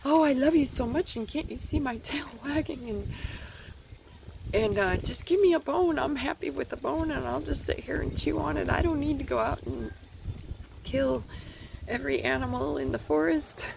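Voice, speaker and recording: Man putting on a giddy devoted dog, high squeaky voice, gushing, gravelly edge, outdoors. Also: lively intonation, normal speed, noisy background, exaggerated voice. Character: overjoyed eager male pet dog. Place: outdoors in wind.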